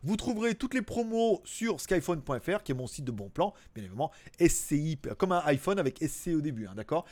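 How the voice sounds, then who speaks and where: A man's voice: fairly high pitch, big pitch swings, fairly quick, hardly any pauses, darkish tone, no room sound. A man hosting a daily tech live stream, chatting in a rambling, slangy way. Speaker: tech YouTuber host. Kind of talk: casual chat.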